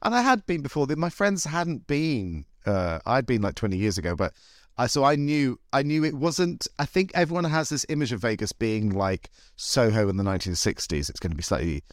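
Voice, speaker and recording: A man's voice: mid-range voice, sing-song, normal speed, no echo, clean studio sound. A man hosting a casual chat in a camp, wry, rambling and self-deprecating way. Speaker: host. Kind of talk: casual, chatty podcast conversation.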